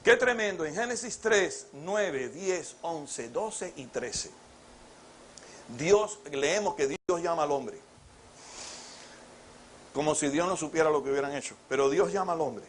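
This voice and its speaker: High-voiced man preaching a sermon. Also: a little slow, pauses often, a little hiss or hum. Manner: expressive, rhetorical questions, acts out biblical dialogue.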